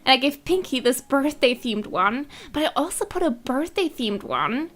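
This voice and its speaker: A young woman giving bubbly, excitable gameplay commentary and giggling often. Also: sits high, moderate pace, soft background music. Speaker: gaming YouTuber.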